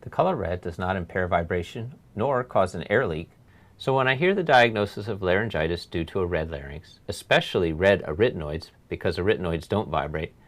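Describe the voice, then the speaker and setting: A male doctor narrates a scripted medical lecture. His voice sits on the low side, and he explains in a measured way, leaning on the important points. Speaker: laryngologist lecturer.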